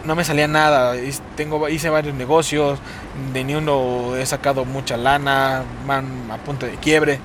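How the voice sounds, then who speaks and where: A young guy from Mexico City, speaking Mexico City Spanish, records a casual solo podcast monologue while driving, with faint car and road noise in the background. His mid-range voice stays level at normal speed, yet his rambling, foul-mouthed delivery has a sing-song quality.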